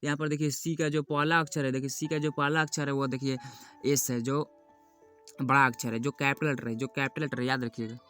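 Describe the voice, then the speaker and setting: A man's voice: medium pitch, flat delivery, fairly quick, pushed and bright. A man teaching a beginner's English lesson, repeating each point and checking in with "okay" as he goes. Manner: repeats points, keeps saying "look" and "okay". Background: music.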